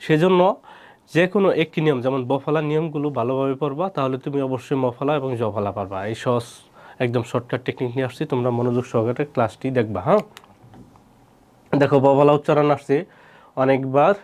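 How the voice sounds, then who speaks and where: A man's voice: medium pitch, fast, a little mellow. A man teaching an exam-prep lesson, asking questions and answering them himself, repeating each word twice. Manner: quizzing, answers his own questions, repeats words.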